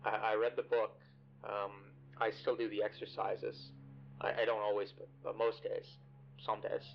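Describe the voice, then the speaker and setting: Brief: man voicing an uneasy halting guy, deepish, bitcrushed and muffled. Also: level tone, vocal fry, a little hiss or hum. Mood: hesitant. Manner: halting, stammering, repeats words.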